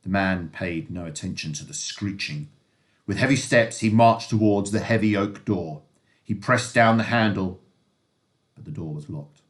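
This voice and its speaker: Man reading a novel aloud to pupils. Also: lowish voice. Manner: expressive, lively reading with occasional slips. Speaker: teacher.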